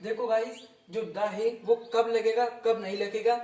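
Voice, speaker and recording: High-voiced man teaching in an echoey room. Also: fairly even intonation, moderate pace, dark tone. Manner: repeats words, asks students questions; frequent self-corrections. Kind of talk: grammar lesson explained in Hindi. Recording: roomy echo, distant from mic.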